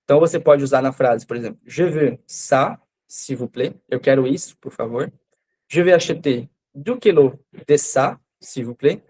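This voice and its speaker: Teaching French online, this native Portuguese speaker has a mid-range, somewhat mellow and husky voice. His explanations are patient, example sentences get repeated slowly, and he keeps checking comprehension with frequent "né?" and "tá?"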